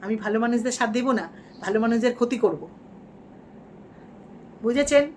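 A woman's voice: on the high side, a little fast, darkish tone, a little hiss or hum, close to an everyday voice. A woman playing a boastful, shameless female vlogger villain who gloats in mock-defiant rants during a parody livestream. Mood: gloating.

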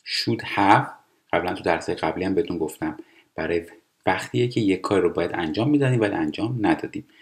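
A man teaching English, explaining TV dialogue line by line and reading English phrases slowly and carefully. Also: deep voice. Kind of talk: language lesson explaining TV dialogue.

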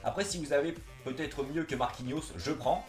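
A man's voice: on the high side, normal speed, roomy sound, faint music behind. Young guy with a slushy lisp. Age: young adult. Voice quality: slight lisp, slushy s sounds. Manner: slangy, chatty, informal. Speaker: gaming YouTuber, host. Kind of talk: casual gaming vlog chat. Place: small indoor room, seated on a couch.

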